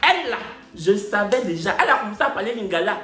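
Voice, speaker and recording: A man telling a comic story in a lively monologue, swinging between loud outbursts and quiet mutters. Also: sits high, quick pace. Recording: echoey room with faint music.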